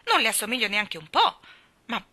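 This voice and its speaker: A woman's voice: a little high, sing-song, normal speed, sharp tone, voice pushed up, full character voice. Woman reading as a blunt old farmer. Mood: gruff. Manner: blunt and plain-spoken.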